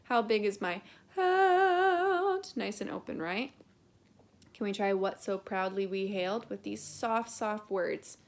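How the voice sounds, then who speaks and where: A woman's voice: medium pitch, steady tone, unhurried. A woman teaching a singing lesson, coaching patiently and singing short phrases as examples. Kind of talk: vocal lesson with sung demonstrations.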